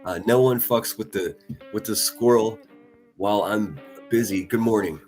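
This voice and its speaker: A man's voice: lowish voice, moderate pace, darkish tone, faint music behind. A man on a casual live stream reading viewer comments, blunt and profane, talking passionately and often restarting his sentences. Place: at a desk in front of a laptop.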